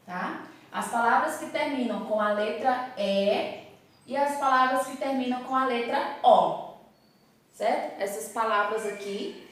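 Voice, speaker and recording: A woman's voice: fairly high pitch, a bit bright. A woman teacher explaining a grammar lesson to pupils, asking rhetorical questions and checking in with frequent tag questions. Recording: very echoey room, voice from a distance.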